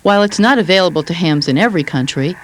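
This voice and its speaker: A woman reading scripted instructional narration with an even, informative delivery. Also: lowish voice, fast talker, a little hiss or hum.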